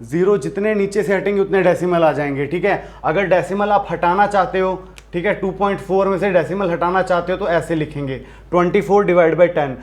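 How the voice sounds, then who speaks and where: A man's voice: high voice, a little fast. A man teaching a maths lesson, explaining step by step and asking the class questions as he goes, with frequent restarts and self-corrections.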